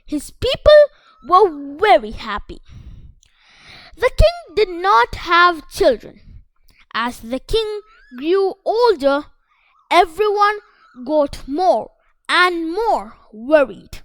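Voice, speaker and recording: A woman narrates a school story in a very high voice. Her pitch moves in a lively way while she reads slowly and deliberately, one phrase at a time. The sound is dry and close. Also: no room sound, poor audio. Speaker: storyteller reading a school textbook story to children.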